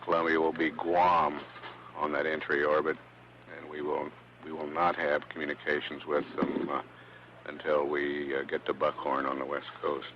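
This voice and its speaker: A man giving live spaceflight status commentary as a mission control announcer, in a halting, measured delivery. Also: rumbling low, level tone. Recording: dull archival feed with faint hum.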